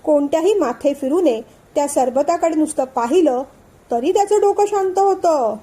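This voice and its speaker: A woman voicing a playful young man in a storybook reading, gently teasing and calming his friend. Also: sits high, normal speed. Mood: coaxing. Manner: playful, soothing, laughing. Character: cheerful teasing male friend, coaxing.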